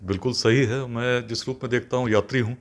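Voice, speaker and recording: A man's voice: mid-range voice, steady tone, brisk. A man from Bihar, a police officer, answering interview questions in an earnest, formal, speechlike way. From India, Bihar.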